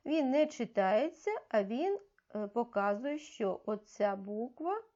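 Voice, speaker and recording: A woman teacher leading a reading lesson for young children, giving slow, clearly articulated, coaxing instructions. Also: fairly high pitch, a little mellow. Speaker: primary school teacher. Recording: dull, muffled lo-fi audio.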